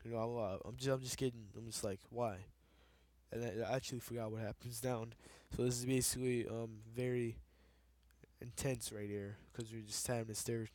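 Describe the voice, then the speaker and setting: A man's voice: mid-range voice, level tone, fairly quick, a little mellow, dry recording. A young man giving casual, rambling commentary over his game footage, often tripping over repeated words. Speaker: let's play gamer.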